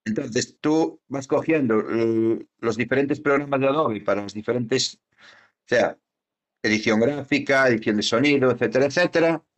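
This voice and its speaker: A man's voice: mid-range voice, moderate pace. A man co-hosting a podcast in casual chat, rambling with lots of fillers and restarts. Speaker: podcast co-host. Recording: dull lo-fi podcast audio.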